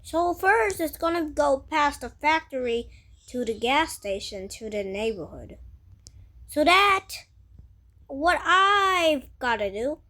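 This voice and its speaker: High-pitched, excitable female gamer. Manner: excitable, exclaiming and muttering to self. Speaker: gamer narrating gameplay. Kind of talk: casual gameplay commentary.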